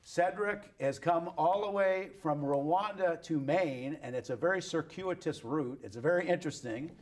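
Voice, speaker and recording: Man hosting a chat show, fairly high voice, gives lots of quick nods of agreement. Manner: friendly, with brief affirmations. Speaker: host. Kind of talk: casual interview conversation.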